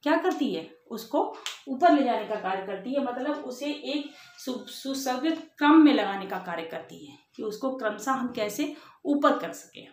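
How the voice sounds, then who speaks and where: A woman's voice: on the high side, animated, moderate pace. A woman teacher giving an exam-prep lecture, explaining in simple words, asking rhetorical questions and checking in with "ठीक है". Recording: echoey room.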